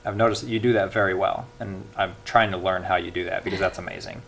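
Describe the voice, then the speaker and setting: Earnest young man with a gravelly voice. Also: sits low, steady tone, quick pace, fairly bright tone. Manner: earnest, restarts often. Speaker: speech evaluator. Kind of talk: speech evaluation.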